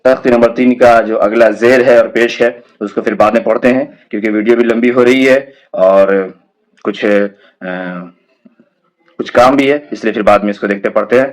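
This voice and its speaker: A man's voice: mid-range voice, fairly even intonation, low-quality recording. A man teaching young children to read the Quranic alphabet, patiently repeating each letter sound and drawing it out. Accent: Indian Urdu. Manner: slow drawn-out drilling of letter sounds.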